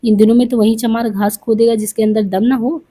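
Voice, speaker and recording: A woman's voice: on the high side, flat delivery, fairly quick, dark tone, no echo, natural voice. A woman reading the lines of a blunt, bossy village strongman in a storybook reading.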